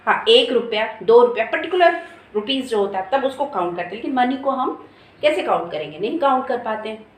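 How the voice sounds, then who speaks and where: Woman, teacher, highish voice, patient explaining, asks questions, echoey room. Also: sing-song. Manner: explains slowly with questions and repeated examples. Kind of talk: classroom lecture.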